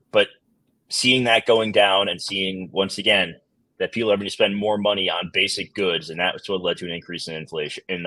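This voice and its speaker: A man co-hosts a markets show in loose casual chat, hesitating and joking with the odd curse. His voice is low, and the recording is dry and close. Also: bright, forceful tone, no room sound.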